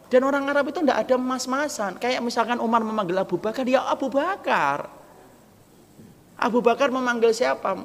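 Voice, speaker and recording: Gravelly preacher with a lilt. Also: male voice, very high voice. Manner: lively, joking, acts out quoted dialogue. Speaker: Islamic preacher. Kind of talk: humorous sermon. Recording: gravelly voice with long hall reverb, faint background noise.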